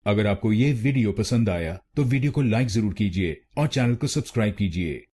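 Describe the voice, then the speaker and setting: A man with an Indian accent narrating a pronunciation tutorial, repeating each word slowly and deliberately syllable by syllable. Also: on the low side, lively intonation, dark tone, breathy edge. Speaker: pronunciation teacher.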